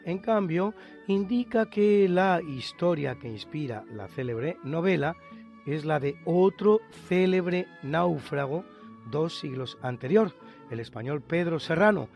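A man's voice: a little high, creaky, darkish tone. A male radio presenter reading a scripted history almanac, announcing dates and facts.

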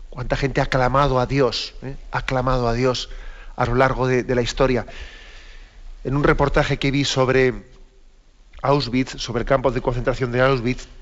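A man giving a catechism commentary on the radio, explaining a text he reads out in parts and pausing to reflect. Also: medium pitch. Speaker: bishop giving catechism talk. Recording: slightly dull radio broadcast.

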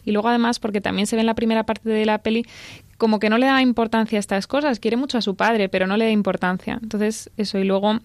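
A woman's voice: on the high side, steady tone, quick pace, no echo. A woman guest on a radio talk show, explaining at length and retelling scenes with quotes, on a studio mic.

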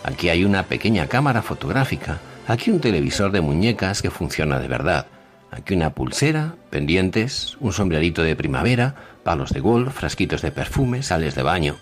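Man playing cold grey storybook villain, low voice, persuasive, insistent, faint music. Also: normal speed. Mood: insistent selling. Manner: monotone, insistent.

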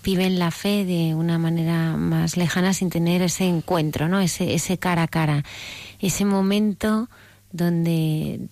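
A woman hosting a radio interview talks slowly and deliberately in a fairly low voice. The sound is dry and close, and she softens each question with tag questions. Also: steady tone, no room sound. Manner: slow, measured, with many tag questions. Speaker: radio host.

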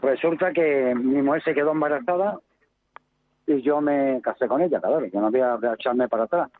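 A man's voice: mid-range voice, a little fast. A man from Seville calling a radio show on the phone, earnestly telling a long personal story in a rambling way. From Seville, Spain. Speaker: caller. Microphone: telephone. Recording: tinny phone line.

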